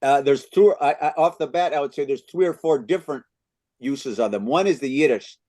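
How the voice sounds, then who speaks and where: A man's voice: mid-range voice, a little mellow. Man hosting a book club discussion. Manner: thoughtful, halting with frequent restarts; reads excerpts aloud. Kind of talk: literary discussion, answering questions.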